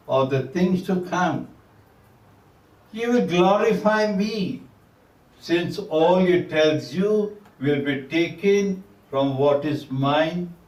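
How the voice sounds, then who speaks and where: A man reading the Gospel aloud as a priest at Mass, in a slow, measured liturgical way, with a cathedral echo. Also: a little high, a little mellow. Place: large church. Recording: echoey church, voice far from mic.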